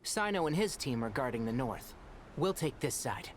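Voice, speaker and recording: Man voicing a wry young ranger mentor, lively intonation. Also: mid-range voice, normal speed, slight background noise, lightly acted. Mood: dry. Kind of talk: video game voice acting. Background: prominent music.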